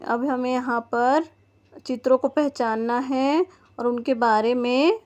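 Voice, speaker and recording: A woman's voice: sits high, a little slow, a little mellow. A woman teaching a first-grade textbook lesson to young children, patiently sounding out words letter by letter. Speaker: primary school teacher. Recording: dull lo-fi recording.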